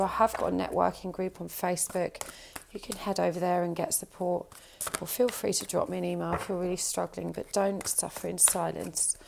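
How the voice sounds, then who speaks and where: A woman with a croaky, gravelly voice, still recovering from an illness, chatting warmly while she draws tarot cards. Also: fairly low pitch, noisy background. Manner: chatty, reassuring, thinks aloud while drawing cards. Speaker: tarot reader. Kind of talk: casual tarot reading.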